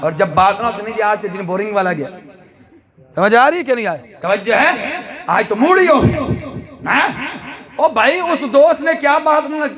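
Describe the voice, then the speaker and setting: A man preaching a sermon to a live gathering. He moves between soft, low asides and shouted climaxes and keeps asking the audience questions. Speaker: Islamic preacher. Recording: live crowd audible behind.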